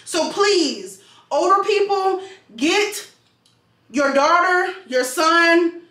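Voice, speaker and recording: High-voiced woman, echoey room. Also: lively intonation, extremely slow, sharp tone. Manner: emphatic, repeats phrases for stress. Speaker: vlogger and call center customer service worker. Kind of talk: casual venting to camera.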